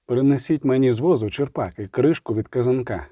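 A man voicing a calm, terse male monster hunter in an audiobook, speaking coolly and measured. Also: mid-range voice, dry recording, clean studio sound, natural voice.

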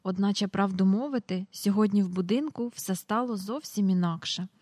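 A woman doing a quick, gossiping cook. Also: medium pitch, darkish tone, no room sound, studio quality, lightly acted. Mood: confiding. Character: gossiping middle-aged female cook. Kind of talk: audiobook character reading.

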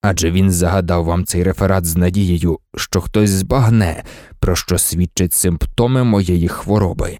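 Man reading a weary teacher, low, calm, measured, dry sound. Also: gravelly, breathy edge, no echo, full character voice.

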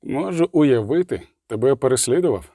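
A man voicing a calm, terse witcher who asks level questions. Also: medium pitch, normal speed, no echo, clean studio sound.

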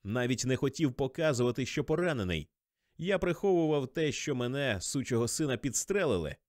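A male narrator reads a first-person novel in a rambling, slangy confessional manner, his pitch rising and falling in lively swings. The sound is dry and close, with no room echo. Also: brisk. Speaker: audiobook narrator.

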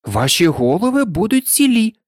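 A woman's voice: mid-range voice, big pitch swings, normal speed, dry recording, clean studio sound, pitched above the performer's own voice, close to an everyday voice. A woman doing a bold little girl. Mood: frank. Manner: frank, direct. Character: bold, plain-spoken young girl. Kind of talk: audiobook character voice.

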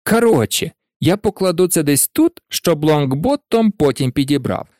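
A man's voice: on the high side, big pitch swings, normal speed, darkish tone, dry recording, clean studio sound. A man voicing a spoiled, sneering schoolboy bully in a storybook reading, taunting and mocking.

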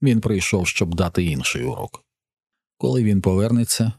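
A man reading a novel as an audiobook narrator, in an even, measured storytelling voice. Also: sits low, slightly rough, no echo, studio quality. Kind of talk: scripted narration.

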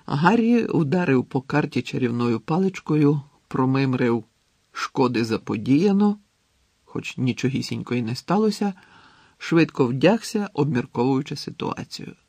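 Guy narrating a story in an even, measured way, husky voice, very dry close mic. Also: mid-range voice, no room sound. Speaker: audiobook narrator.

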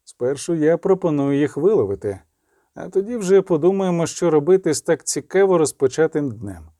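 A man's voice: medium pitch, big pitch swings, moderate pace, mellow, no echo, studio quality. A man voicing a grim, terse male witcher who mutters his lines.

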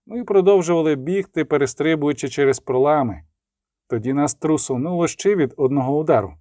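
A man reading an audiobook as narrator, with lively dramatic emphasis and the dialogue lines voiced. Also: fairly high pitch, brisk, no room sound, clean studio sound. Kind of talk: scripted narration.

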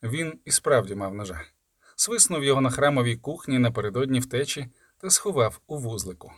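A man reading a fantasy story aloud in steady narration. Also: medium pitch, fairly quick, no room sound, clean studio sound. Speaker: audiobook reader. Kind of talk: scripted fantasy audiobook narration.

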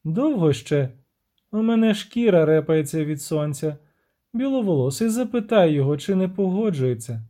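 Man voicing a siren, young female, shrill, singsong, haughty, audiobook figure, high voice. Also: animated, normal speed, mellow, lightly acted. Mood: indignant.

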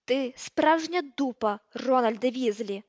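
Hermione, a shrill furious young woman, as a woman reads her. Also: brisk, no room sound, close to an everyday voice. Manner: shrieking, sarcastic, hitting high notes. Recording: slightly muffled dry audio.

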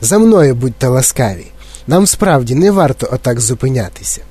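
A man reading an audiobook, voicing an eccentric, excitable male candy-factory owner who talks in brisk, insistent exclamations. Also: mid-range voice, breathy edge, dry recording. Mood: eager. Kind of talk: audiobook character voice.

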